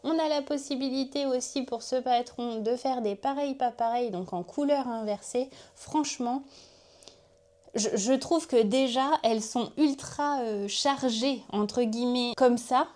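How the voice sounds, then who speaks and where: Chatty self-mocking woman, higher voice. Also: unhurried, darkish tone. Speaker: knitting podcast host. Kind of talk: casual chat to camera.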